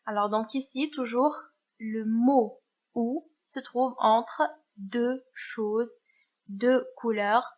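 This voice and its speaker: A woman's voice: fairly high pitch, steady tone, drawn-out words, darkish tone, muffled recording. A woman teacher giving a grammar lesson, patient and careful, often checking that her students follow. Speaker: French teacher.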